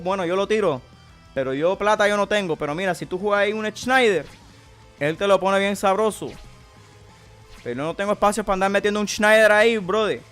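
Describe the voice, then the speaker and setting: A man's voice: sits high, fairly bright tone. Man putting on a jokey Cuban-accented Miami guy. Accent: Cuban Spanish. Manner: playful, slangy and crude. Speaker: streamer. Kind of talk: casual game commentary.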